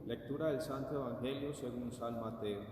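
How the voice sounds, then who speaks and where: A man's voice: medium pitch, fairly even intonation, normal speed, darkish tone. A man, a priest, solemnly reading the Gospel in a Mass, his voice ringing with a cathedral-like echo. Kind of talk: solemn liturgical scripture reading. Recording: very echoey church, distant, hissy.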